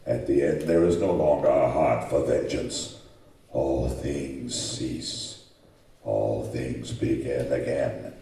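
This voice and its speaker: A man playing a sorrowful man-made monster in a radio drama, gravelly, grave and portentous. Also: fairly even intonation, slow pace, warm tone, heavily acted. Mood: grave, mournful. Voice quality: very deep, gravelly. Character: sorrowful male man-made monster, tender yet menacing. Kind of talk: old-time radio drama acting. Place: live on stage in a community hall. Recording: echoey hall, distant mic.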